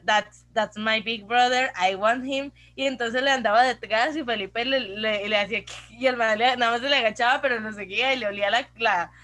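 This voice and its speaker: A young Costa Rican woman chatting on a podcast with a fairly high voice. She tells long, lively stories full of slang and switches into English phrases mid-sentence. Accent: Costa Rican Spanish. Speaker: podcast co-host. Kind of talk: casual chat.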